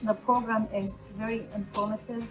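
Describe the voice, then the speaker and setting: Flat-voiced woman in a testimonial. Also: fairly high pitch, over music, low-quality recording. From Ethiopia, raised in Israel. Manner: measured, slightly hesitant. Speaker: community board member. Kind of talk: recorded testimonial.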